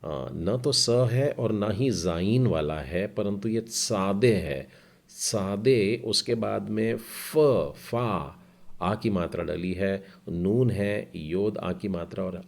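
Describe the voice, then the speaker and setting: A man teaching a Hebrew class, spelling out letters and vowel marks one by one in a slow, explanatory way. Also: sits low, gravelly.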